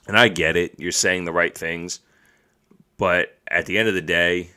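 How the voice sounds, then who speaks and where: A man with a low-pitched, bright and forceful voice, talking casually as a podcast host on a live stream. His tone is smooth and crisp, and he rambles in a profane, excitable way that turns emotional.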